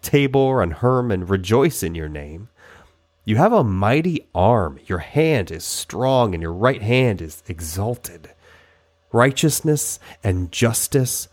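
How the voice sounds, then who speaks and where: Low-voiced man reading scripture aloud. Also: no room sound. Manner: expressive, dramatic reading that rises in pitch on pleading lines. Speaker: Bible reader.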